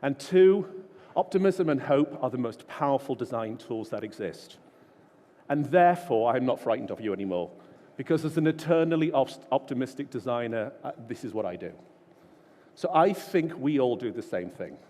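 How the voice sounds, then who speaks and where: A man's voice: medium pitch, lively intonation, normal speed, dark tone. A man giving an informal, self-deprecating keynote talk full of stories at a large conference. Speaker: conference speaker. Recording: long hall reverb.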